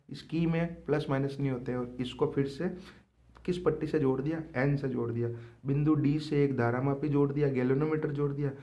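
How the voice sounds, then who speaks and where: A man runs a board-exam physics tutorial, speaking to students as kids and mixing English terms into his explanations. His voice is mellow and dark, and the recording sounds a little dull and lo-fi. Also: medium pitch. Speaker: physics teacher.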